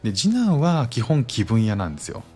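A man in his thirties from Japan, hosting a solo podcast and telling stories in a relaxed, rambling way with many fillers. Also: mid-range voice, brisk, breathy edge, faint music behind. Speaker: podcast host and father. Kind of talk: casual solo podcast chat.

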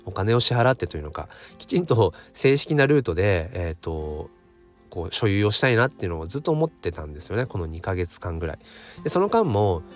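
A man with a hoarse voice hosts a casual solo audio channel, thinking aloud in a hesitant way. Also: sits low. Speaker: host of a daily audio channel.

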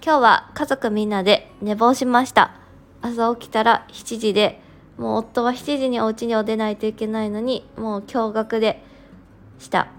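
A woman in her thirties who hosts a casual solo podcast as a working mother, talking in a soft, reflective way with frequent fillers and a slightly sleepy, slow tongue. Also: a little high, steady tone. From regional Japan.

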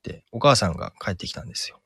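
A man telling an invented ghost story on a podcast, slow and suspenseful, with dramatic pauses and many fillers. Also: sharp tone, no room sound, studio quality. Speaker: podcast co-host.

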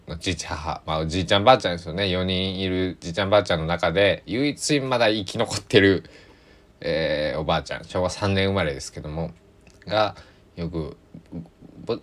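A man's voice: low voice, a bit bright. A man, hosting a casual solo podcast in a chatty, rambling way that keeps correcting itself. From Kochi, Japan. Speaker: podcast host.

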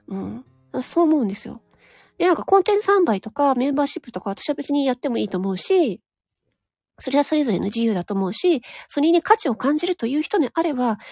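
Speaking quickly and animatedly, this woman has a high-pitched yet darkish voice, recorded dry and at studio quality over soft background music. She broadcasts alone on her channel, frank and chatty, sprinkling in nodding asides and tag particles.

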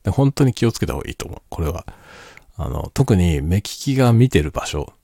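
Quiet, low-pitched man chatting at night. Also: very animated, fairly quick, gravelly, slightly rough, no room sound, clean studio sound. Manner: quiet, low-voiced late-night talking. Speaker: solo host of a spoken chat. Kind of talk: casual late-night chat.

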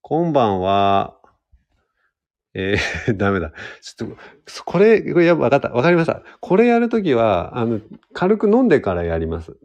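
A man's voice: on the high side, wildly swooping pitch, fast talker, hardly any pauses, a little mellow, dull audio. A young man hosting a casual solo livestream radio show, chatty and self-deprecating as he answers listener comments. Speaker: radio host.

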